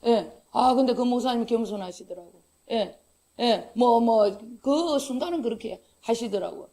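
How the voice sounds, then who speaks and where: A middle-aged woman pastor preaches a sermon. Her voice sits high and has a gravelly edge. She tells her stories in an animated way and acts out the voices in them. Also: normal speed. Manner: animated storytelling, acting out quoted dialogue, laughing.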